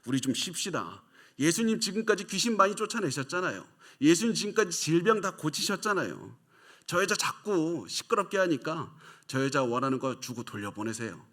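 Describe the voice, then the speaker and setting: A man's voice: very animated, moderate pace, fairly bright tone. Male preacher acting out irritated, impatient male disciples in a raised, complaining voice. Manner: complaining, pleading with rising pitch.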